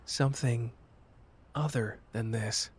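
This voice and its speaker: A man acting Satoru Gojo, a slow-speaking wounded sorcerer. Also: medium pitch, steady tone, slightly rough. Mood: tender, earnest. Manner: halting, emotional delivery with sighs and pauses. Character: young adult male sorcerer, cocky but wounded, confessing love. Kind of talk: intimate roleplay audio drama, acted monologue to listener.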